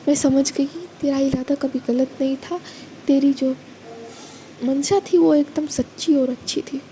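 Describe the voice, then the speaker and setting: A woman voicing a caring older sister who soothes her sibling in a soft, fond tone in a storybook reading. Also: high-pitched, fairly even intonation, unhurried, slight background noise. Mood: soothing. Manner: soft, comforting, scolding fondly.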